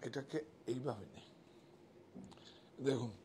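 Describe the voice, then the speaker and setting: A man's voice: mid-range voice, steady tone, slow pace, background noise. A man selling saris on a live stream, chatting with viewers and directing helpers off to the side. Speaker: sari seller on a live sale.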